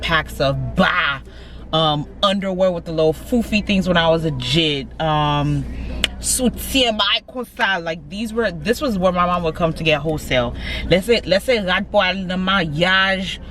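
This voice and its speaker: A young woman from Miami chatting casually to the camera, talking in quick slangy bursts and dropping in Haitian Creole words. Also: lowish voice, a bit bright, slight background noise. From Miami, USA. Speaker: vlogger. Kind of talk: casual vlog chat. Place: in a car and on a city street.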